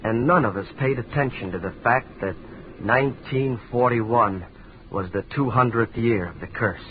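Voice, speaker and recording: A man's voice: medium pitch, normal speed, a little hiss or hum, close to an everyday voice. An actor in 1940s radio drama playing a wounded man who earnestly recounts his family's curse. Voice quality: earnest, storytelling. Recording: tinny old radio broadcast.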